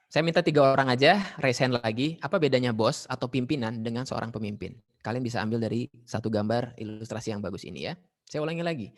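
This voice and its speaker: A man with an Indonesian accent teaching a leadership lesson to students over an online call, lively and mixing in English phrases as he calls on them. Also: medium pitch. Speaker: teacher leading a leadership training session. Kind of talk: online class lecture.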